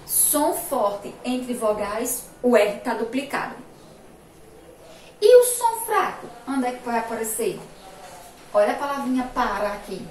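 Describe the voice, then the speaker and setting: A Brazilian woman teacher from Sergipe, with a fairly high, expressive and somewhat dark voice, teaches young children phonics remotely. She speaks slowly and emphatically, stretching each word and repeating sounds and words over and over. The mic sits far from her in an echoey room with faint background noise.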